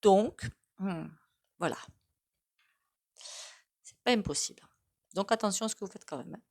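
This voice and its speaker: A woman's voice: mid-range voice, measured pace, creaky, darkish tone. A woman with a regional French accent giving a casual, rambling tarot reading, full of hesitations and asides. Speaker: tarot card reader.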